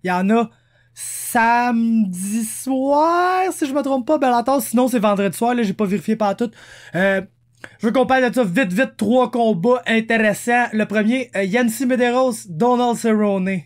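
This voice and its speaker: A man with a Quebec French accent talks in a casual podcast, his voice sitting fairly high. He is slangy and animated, sliding English words into his French. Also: moderate pace. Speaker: podcast co-host.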